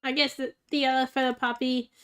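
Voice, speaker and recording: A woman talks her way through a game in a loose, chatty way. Her voice sits fairly high, and she often speaks fondly to the pets on screen. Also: flat delivery, brisk, fairly bright tone, clean tone, soft background music. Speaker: gaming channel host. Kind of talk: casual gameplay commentary.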